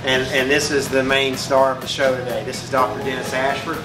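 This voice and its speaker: A man's voice: medium pitch, level tone, fairly quick. A man hosting a casual campus video from a chemistry lab, with a loose, joking way of talking. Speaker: show host. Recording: roomy lab sound, mic at a distance, music under.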